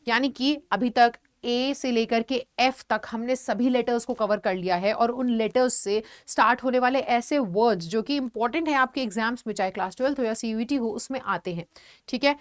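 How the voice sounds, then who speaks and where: Young woman teacher, higher pitched, dry close sound, patient explainer. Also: moderate pace, no echo. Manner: explains patiently, addresses students as "beta", frequent "theek hai" check-ins. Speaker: online teacher. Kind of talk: classroom vocabulary lesson.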